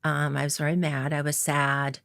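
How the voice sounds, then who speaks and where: With a low, monotone voice showing vocal fry, this middle-aged woman speaks at normal speed, her tone a bit bright, clear and resonant. She is a casino executive from the Coeur d'Alene reservation in Idaho, US, sharing her story as an interview guest earnestly and reflectively, with frequent ums.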